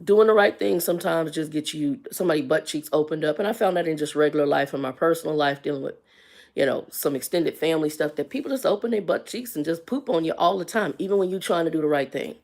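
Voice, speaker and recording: A woman's voice: low voice, fast talker, vocal fry, a little mellow. A woman in her fifties telling a personal story on a casual livestream, candid and colloquial, with faith-based asides. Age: 50s. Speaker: livestream host.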